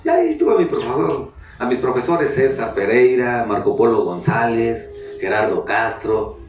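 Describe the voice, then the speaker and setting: A man's voice: mid-range voice, sing-song, moderate pace, faint music behind. A Mexican man preaching a sermon as pastor, talking in a conversational way and asking his congregation questions. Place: church hall. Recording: echoey hall, mic at a distance.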